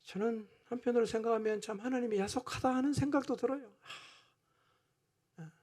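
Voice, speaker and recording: A man with a noticeably high voice preaches a Sunday sermon in a church. He swings from quiet, hushed asides to loud, impassioned emphasis, stretching key words for weight. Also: moderate pace. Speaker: pastor.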